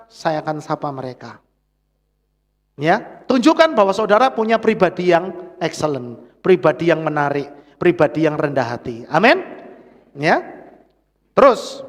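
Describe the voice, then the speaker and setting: A man with a Central Javanese accent preaching a sermon, often calling on the congregation to answer amen. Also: high-pitched. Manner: engaging, prods the congregation for "amen". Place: church hall. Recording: reverberant church hall.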